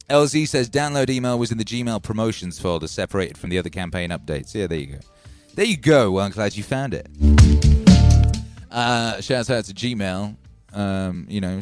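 A middle-aged man from Wales with a Welsh and Birmingham accent, hosting a live stream in a casual, excitable way, swearing and thanking viewers by name. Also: fairly low pitch.

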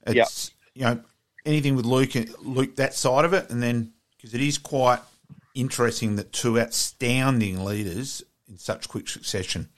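A man's voice: medium pitch, moderate pace. An Australian man interviewing casually about sport, speaking in an effusive, matey way.

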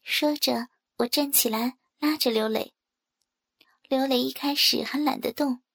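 Brief: female narrator, high voice with some fry, calm first-person storytelling. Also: a little slow. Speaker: audiobook narrator.

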